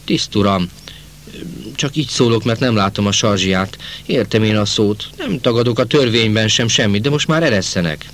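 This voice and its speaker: A man's voice: lowish voice, fairly bright tone, a little hiss or hum, lightly acted. A man reading the lines of a stubborn, proud old peasant farmer in an audiobook, plainspoken and defiant. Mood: pleading.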